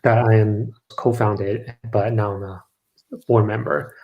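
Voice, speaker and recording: A man from Los Angeles, California, now a startup founder, joins a casual live online event as a guest, explaining things with lots of ums. His lowish voice is steady, measured and has vocal fry, on a muffled recording with slight background noise.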